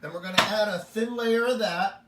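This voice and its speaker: A man's voice: sits high, moderate pace, roomy sound, far from the mic, very noisy. A man hosting a home cooking show, chatty and upbeat as he walks through a recipe and jokes with the camera operator. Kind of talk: casual cooking demonstration. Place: home kitchen.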